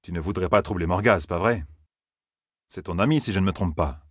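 A man voicing a hard but tender warrior king in an audiobook, gentle and teasing. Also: low voice, a little fast, breathy edge, no room sound, clean studio sound. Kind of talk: audiobook character voice.

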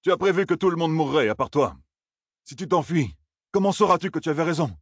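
Audiobook: hoarse, vengeful knight-officer, raised pitch, husky, read by a man. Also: expressive, normal speed, no echo, studio quality. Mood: scornful. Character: bitter vengeful male knight officer, accusing.

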